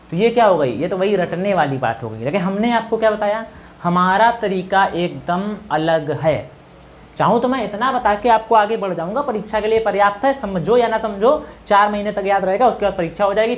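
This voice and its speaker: A man's voice: sits high, dull audio, slight background noise. A man teaching a Hindi grammar lesson for exam preparation, asking questions and often checking in with the students. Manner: repeats filler confirmations and asks students questions.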